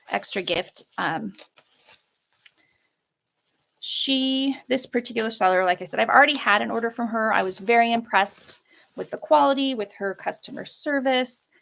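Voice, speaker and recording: Creaky-voiced middle-aged woman chatting casually. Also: on the high side, fairly bright tone, a little hiss or hum. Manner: rambling, hesitant, trailing off and circling back. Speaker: vlogger showing a shopping haul. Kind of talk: casual unboxing chat.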